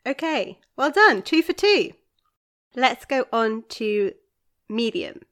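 A woman's voice: on the high side, sing-song, slow pace, fairly bright tone. A woman chatting casually as she quizzes a friend, laughing often. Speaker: quiz host. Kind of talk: casual chat quiz.

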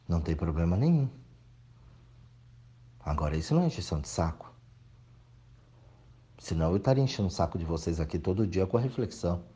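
Deep, animated man lecturing. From Brazil. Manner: preachy, emphatic, mocking whiny voices. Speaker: motivational speaker. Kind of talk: reflective monologue.

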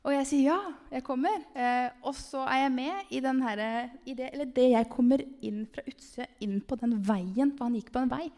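A woman giving an animated, emphatic testimony sermon about a vision, sometimes calling out loudly to the listeners. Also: sits high, hardly any pauses. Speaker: speaker sharing a vision. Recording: long hall reverb.

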